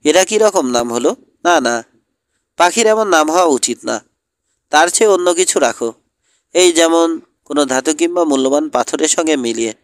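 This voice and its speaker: A man's voice: on the high side, lively intonation, moderate pace, long pauses, dry recording, studio quality, close to an everyday voice. A man voicing an eccentric older woman who dotes on her birds and pearls, talking in a fussy sing-song way.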